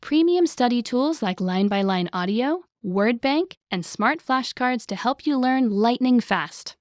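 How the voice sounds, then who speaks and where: A woman's voice: fairly high pitch, animated, a little slow, darkish tone, dry recording, clean studio sound. A woman reading a scripted promotional ad in an upbeat, salesy way. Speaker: ad announcer.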